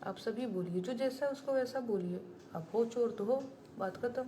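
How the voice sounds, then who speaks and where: A woman's voice: a little high, normal speed, dark tone, slight background noise. A woman who is a singer and songwriter, chatting live with her viewers and answering their comments in an emphatic, indignant way, repeating her points for stress.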